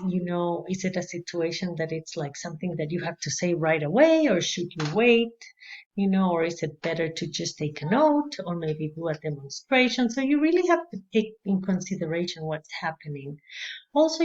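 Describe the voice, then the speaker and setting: A woman's voice: lowish voice, darkish tone, dull audio. A woman from Chile, giving a conversational class lecture on early childhood education, dotted with "you know" and light laughs.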